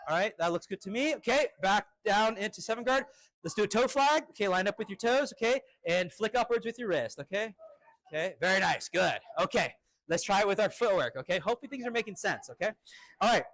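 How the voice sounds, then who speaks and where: High-pitched man giving crisp fencing commands. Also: expressive, a bit bright. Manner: crisp, short commands between quick words of approval; encouraging. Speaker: fencing instructor. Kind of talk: live drill instruction.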